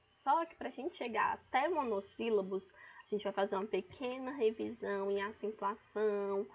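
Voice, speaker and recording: A woman's voice: a little high, slightly rough. A woman teacher with a Brazilian Portuguese accent gives an online class, explaining patiently and calling out words to stress their syllables. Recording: dull lo-fi recording.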